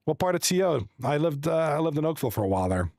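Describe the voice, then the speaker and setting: This man's voice is fairly high, sing-song, fast, gravelly and a little mellow, recorded in studio quality with no room sound. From Toronto, Canada, he commentates esports hockey on a casual livestream. He rambles in a friendly way, reading chat aloud and running stats with many restarts.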